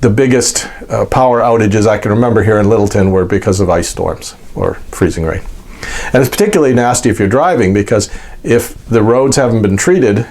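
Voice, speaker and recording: An American man giving an informal, unscripted explanation in a halting, folksy way, repeating words as he goes. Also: fairly low pitch, darkish tone. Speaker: host of an explainer vlog.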